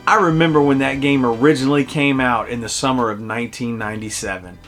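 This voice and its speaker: A middle-aged game reviewer with a medium-pitched, fairly bright voice hosts a casual, personal review. He spins nostalgic, enthusiastic stories, and music sits beneath his voice.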